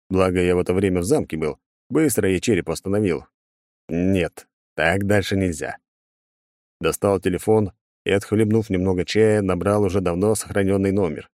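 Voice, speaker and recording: Low-voiced male audiobook narrator. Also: moderate pace, dark tone, no room sound, studio quality. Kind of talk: first-person audiobook narration.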